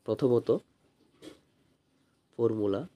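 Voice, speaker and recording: A young man teaching a physics exam-prep lesson online, chatty and reassuring, who keeps asking quick check questions and answering them himself. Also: on the low side, fairly even intonation, narrow, tinny audio. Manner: conversational, reassuring, repeats key points. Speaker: physics tutor.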